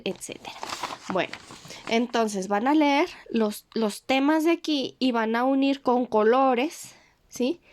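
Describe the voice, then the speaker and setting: A woman with a Mexican accent, a teacher patiently walking pupils through a homework sheet, slowing down on key words and checking in often. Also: fairly high pitch, darkish tone. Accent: Mexican Spanish. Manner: slows down to stress key words.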